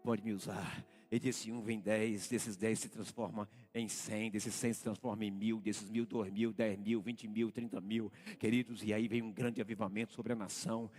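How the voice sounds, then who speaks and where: A man with a Brazilian Portuguese accent, a senior pastor preaching a live church sermon, repeating phrases and calling out to the congregation as he builds to shouted peaks. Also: medium pitch. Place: church sanctuary.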